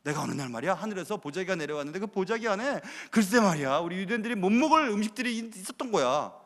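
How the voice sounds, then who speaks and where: A man's voice: sits high, sing-song, rapid-fire, a bit bright, heavily acted. A man preaching in the first person as the apostle Peter, an impulsive grown man retelling his story in a chatty, candid way. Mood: eager recounting. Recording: reverberant church hall.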